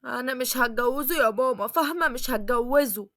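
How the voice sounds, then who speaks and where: A woman's voice: sits high, quick pace, bright, forceful tone, dry recording, studio quality. A woman voicing a stubborn, sulky young woman with an Egyptian accent in a cartoon story. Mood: defiant. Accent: Egyptian Arabic. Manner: sulky, talks back.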